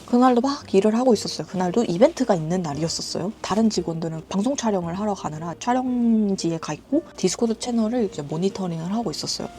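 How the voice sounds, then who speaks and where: A young adult woman casually telling a story from her old job in a chatty, animated way. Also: medium pitch, fast, hardly any pauses. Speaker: storytelling vlogger.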